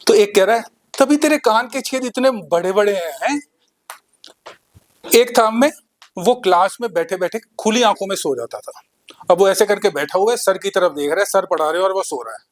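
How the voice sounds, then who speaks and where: Man in his 50s doing stand-up, chatty storytelling, fairly high voice, stage mic. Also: brisk. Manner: conversational, anecdotal. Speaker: stand-up comedian. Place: live comedy stage.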